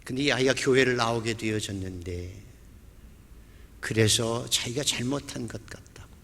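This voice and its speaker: A man's voice: medium pitch, normal speed, vocal fry, fairly bright tone. A male pastor preaching a sermon, telling a story vividly and acting out the quoted lines. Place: church sanctuary. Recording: long church hall reverb.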